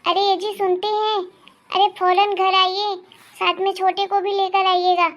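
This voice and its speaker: A scheming elder daughter-in-law from a cartoon, bossy and scornful, as a woman voices her. Her voice sits very high and thin. She orders people about. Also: level tone, unhurried. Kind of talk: cartoon voice acting.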